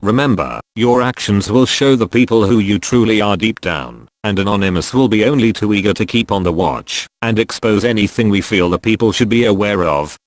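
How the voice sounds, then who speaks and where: Anonymous spokesman, male, voice disguised deep, grave and accusatory, dry close read. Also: a little fast, few pauses, no room sound. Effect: disguised deep voice, pitch-lowered. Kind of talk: scripted address.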